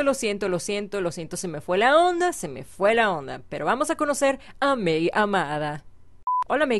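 A woman's voice: medium pitch, no echo. A young woman giving chatty, playful commentary on a life-sim game and talking to the characters. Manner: chatty, hums and sings along, talks to game characters. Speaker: gaming YouTuber.

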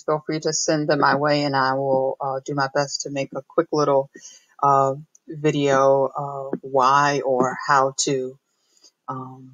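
A woman's voice: sits low, creaky, no room sound, poor audio. A woman hosting a fitness video, talking through a web page on a webcam with frequent ums and restarts. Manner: halting, many ums and restarts. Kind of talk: casual screen-share explainer. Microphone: webcam on a computer.

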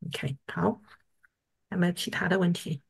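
A woman's voice: lowish voice, moderate pace, creaky, slightly rough. A woman teaching English vocabulary to a class, explaining patiently and often checking that students follow. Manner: patient, checks understanding with repeated questions.

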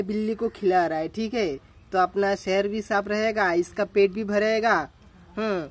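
A man's voice: sits high, a little mellow. A man filming a casual vlog on his phone outdoors, talking simply and coaxing a cat. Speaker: vlogger. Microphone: phone held while filming.

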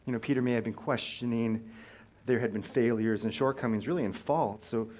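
A man pastor preaching a casual, conversational sermon in a church, telling the story with many fillers and restarts and lively emphasis at times. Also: mid-range voice, brisk. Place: church sanctuary.

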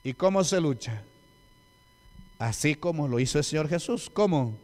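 A man from Peru, a deacon, preaches an emphatic sermon full of rhetorical questions aimed at the congregation. His fairly high voice has lively intonation and a darkish tone at a moderate pace. The church hall lends a long reverb.

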